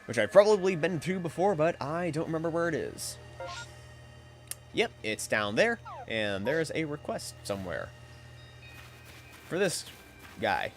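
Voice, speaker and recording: A man's voice: a little high, measured pace, long pauses, soft background music. A man giving casual, jokey commentary while playing a video game. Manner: jokey, animated asides. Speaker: let's play streamer.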